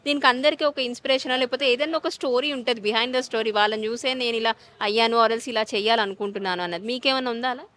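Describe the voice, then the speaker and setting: Woman interviewer, fairly high voice, chatty and casual. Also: fairly even intonation, quick pace, fairly bright tone.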